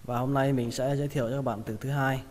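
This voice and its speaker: A man's voice: mid-range voice, level tone, a little mellow, a little hiss or hum. Man teaching English pronunciation in a reverberant hall. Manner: slow repeated word drills. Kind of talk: pronunciation lesson.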